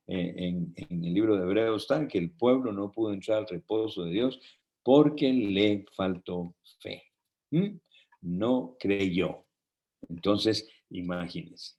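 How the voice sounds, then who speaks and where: Low-pitched and slightly mellow, a man delivers a chatty sermon built on personal stories. He laughs lightly as he tells them and regularly checks in with his listeners using tag questions.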